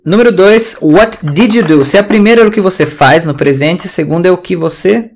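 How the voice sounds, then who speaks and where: A man's voice: high voice, brisk. A man with a Brazilian Portuguese accent teaching an online English class in a chatty, slangy, ranting way over a video call.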